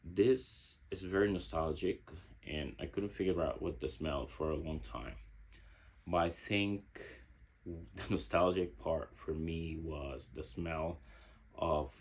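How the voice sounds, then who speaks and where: Male reviewer, low-pitched and slightly husky, talking things through slowly. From Egypt. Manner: reflective, searching for words. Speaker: fragrance reviewer. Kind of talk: casual product review.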